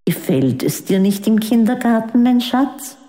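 A woman's voice: fairly high pitch, very animated, measured pace, music in the background, voice pushed up. A woman voicing a caring, anxious mother who fusses and soothes. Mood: worried. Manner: fussing, soothing. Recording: echoey room with long reverb.

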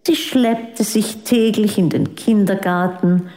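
A woman calmly reading a children's story aloud. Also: medium pitch. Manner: calm, unhurried narration. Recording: echoey room with long reverb.

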